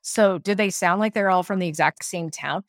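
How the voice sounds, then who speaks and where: A woman's voice: lowish voice, moderate pace, no echo, clean studio sound. A woman from the South, co-hosting a casual TV recap and arguing her points emphatically. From American South. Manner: animated, emphatic, opinionated. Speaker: podcast co-host.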